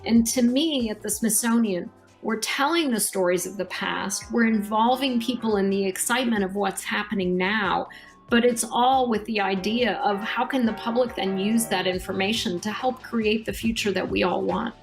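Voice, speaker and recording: A woman's voice: medium pitch, normal speed, faint music behind. A woman guest in an interview, explaining her views in a reflective, fluent way. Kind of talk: conversational interview.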